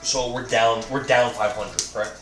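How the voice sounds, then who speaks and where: A man's voice: medium pitch, flat delivery, moderate pace, roomy sound, far from the mic. A man casually narrating a tabletop game as game master, off-mic with music behind him.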